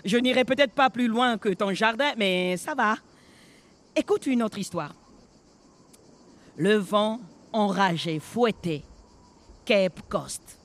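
A man's voice: high-pitched, a bit bright. An actor playing the haunted, restless ghost of a murdered man in a radio drama, speaking solemnly and telling a story in an incantatory way. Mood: wistful. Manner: slow, solemn, incantatory delivery.

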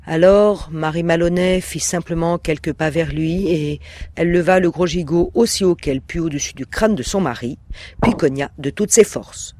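Expressive male storyteller, fairly high voice. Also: no echo. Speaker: reader. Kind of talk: storytelling read-aloud.

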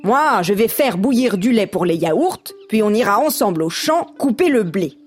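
A woman voicing a busy, scolding old grandmother on a farm, calling out drawn-out orders. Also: mid-range voice, sing-song, faint music behind, natural voice. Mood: bossy. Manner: bossy, drawn-out scolding calls.

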